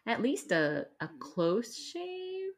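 A woman co-hosts a casual podcast. She talks at an unhurried pace, her pitch moving in a lively way, and she reacts with easy giggles. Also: creaky, a crowd in the background. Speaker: podcast co-host. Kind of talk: casual chat.

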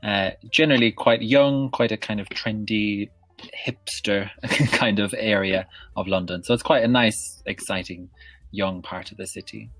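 A man in his thirties with an Irish accent, chatting casually in an interview, laughing often and filling pauses with ums. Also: fairly low pitch, fairly even intonation, fairly bright tone, no room sound, soft background music. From west of Ireland. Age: 30s. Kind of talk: casual conversation.

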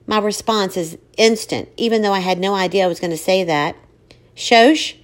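A woman reading a first-person story as an audiobook narrator, with expressive, emotional delivery of her own lines. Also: mid-range voice, brisk.

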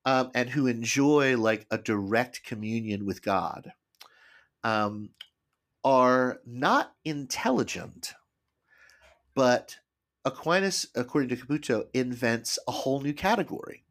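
A man's voice: mid-range voice, animated, unhurried, a bit bright. A man co-hosting a casual podcast, tentatively explaining a book at length. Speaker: podcast co-host.

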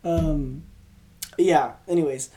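A woman's voice: sits low, takes it slowly, dark tone. A twenty-year-old woman hosting a solo podcast, rambling in casual chat, stumbling over her words in an upbeat way. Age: 20s. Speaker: podcast host. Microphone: podcast mic, also filmed for video.

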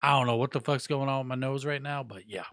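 A fast-talking young adult man with a mid-range voice hosts a relaxed hip hop podcast, recorded dry at studio quality. Congested, he keeps his talk loose and profane, packed with slang and shout-outs.

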